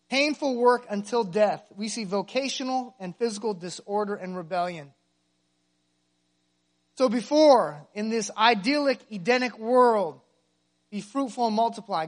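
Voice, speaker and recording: A pastor delivering a sermon to his congregation, emphatic and full of rhetorical questions. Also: sits high.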